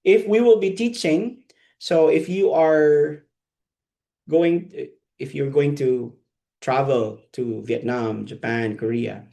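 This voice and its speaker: A gravelly-voiced Filipino man leads a live online training session as an ESL teacher trainer. His pitch is fairly high, his tone dark, and he speaks slowly, lecturing conversationally and putting questions to the trainees.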